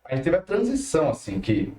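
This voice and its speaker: A man's voice: fairly high pitch, a little fast, roomy sound, far from the mic, a little hiss or hum. A man with a Brazilian Portuguese accent, telling stories in a casual studio chat and acting out the people he quotes. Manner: animated storyteller, acts out quoted dialogue. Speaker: music teacher and guest.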